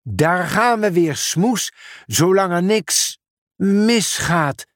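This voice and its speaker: A cheerful, dutiful postman, as a male storyteller puts him on, eager and friendly, with a lively, bouncing voice. He talks slowly, in a dry, close recording. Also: sits high, no echo, pitched above the performer's own voice, heavily acted.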